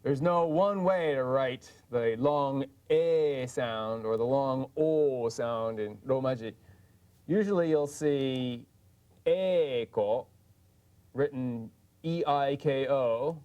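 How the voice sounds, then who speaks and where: A man narrating a scripted language lesson, sounding out words slowly and carefully. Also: medium pitch, warm tone, clean tone, muffled recording. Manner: slow, careful pronunciation drills. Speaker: language teacher.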